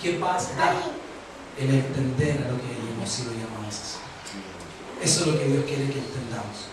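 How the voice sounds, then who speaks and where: A middle-aged male pastor with a Chilean accent preaches with animated rhetorical questions. His voice is caught from far off in a very echoey church hall, with clear background noise. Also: mid-range voice, moderate pace. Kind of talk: sermon.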